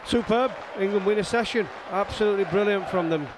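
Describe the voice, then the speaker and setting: High-pitched male cricket pundit, noisy backdrop. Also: brisk. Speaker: cricket co-commentator. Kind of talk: conversational cricket commentary. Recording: clear outdoor background noise.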